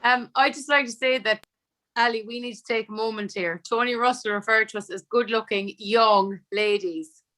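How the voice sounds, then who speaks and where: A woman's voice: fairly high pitch, fairly even intonation, moderate pace, bright, forceful tone. A woman co-hosting a casual chat in a teasing, jokey way. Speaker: co-host.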